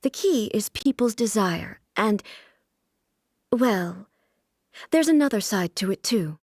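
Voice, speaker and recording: An actress playing a regal, aloof immortal shogun in a video game, speaking in a formal, stately, measured way. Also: female voice, mid-range voice, expressive, no room sound, studio quality. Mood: composed, reflective. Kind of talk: scripted video game character voice lines.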